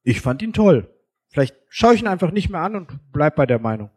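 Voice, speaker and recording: Male podcast co-host, husky voice worn down by a cold, lively casual chat. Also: fairly high pitch, a little fast. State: hoarse from a cold.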